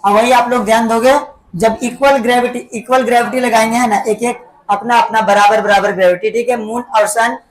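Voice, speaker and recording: A woman's voice: a little high, fairly even intonation, fairly quick. Woman teacher quizzing a class. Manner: keeps quizzing the class with repeat-back questions; tags sentences with "है ना" and "ठीक है बेटा". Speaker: school teacher. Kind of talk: classroom lesson.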